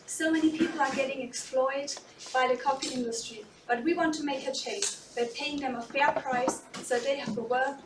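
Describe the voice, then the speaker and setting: An eighteen-year-old woman earnestly presents a student project. Her voice is high. She is heard from far off in an echoey room with clear background noise. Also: normal speed.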